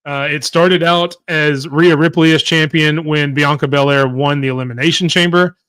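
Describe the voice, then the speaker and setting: A man's voice: a little high, steady tone, moderate pace, a bit bright, smooth, dry recording. A man co-hosting a wrestling podcast, casually walking through matches and reading out viewer comments. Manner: conversational, reads out viewer comments. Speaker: podcast co-host.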